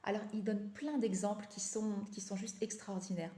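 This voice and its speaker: Female live-stream coach, mellow and tired, slight slushy lisp, halting repetitive delivery, roomy echo. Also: medium pitch, fairly even intonation. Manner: halting, repeats phrases for emphasis. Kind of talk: casual motivational live chat. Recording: echoey, roomy sound.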